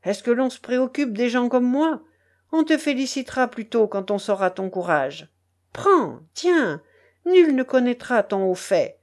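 A woman's voice: fairly high pitch, sing-song, measured pace, pitched above the performer's own voice. Woman playing a scornful wounded thief. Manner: contemptuous, harsh. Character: wounded, scornful male thief, cold and commanding.

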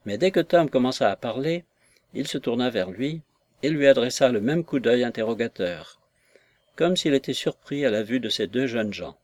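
Steady male audiobook narrator. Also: mid-range voice, moderate pace. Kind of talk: scripted narration of a novel.

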